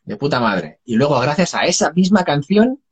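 Lively man telling stories. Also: a little high, normal speed, breathy edge. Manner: lively storyteller, laughs and swears freely. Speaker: singer and dub voice guest. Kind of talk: casual chat.

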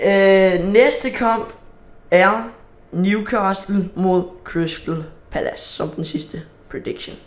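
A man with a notably high-pitched voice. He talks casually, as the host who steers a football prediction conversation. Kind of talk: casual chat.

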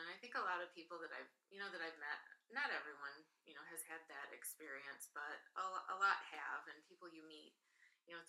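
A woman's voice: sits low, sharp tone, low-quality recording. A woman in her late thirties, a guest in a casual interview, talking at length in a chatty, rambling way and laughing easily. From northern Michigan, USA. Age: 30s.

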